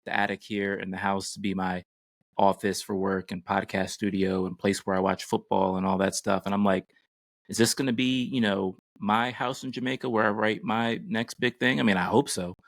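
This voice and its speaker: Co-hosting a podcast from a home studio, a man chats casually and conversationally. His voice is on the low side, steady and creaky, at a moderate pace, in a dry recording.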